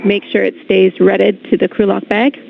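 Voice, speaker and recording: A woman talking to spacewalkers over a space-to-ground radio link, giving brisk, clipped procedural instructions. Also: mid-range voice, little pitch movement, vocal fry. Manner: brisk, clipped, matter-of-fact. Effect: space-to-ground radio transmission. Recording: tinny radio loop with faint hiss.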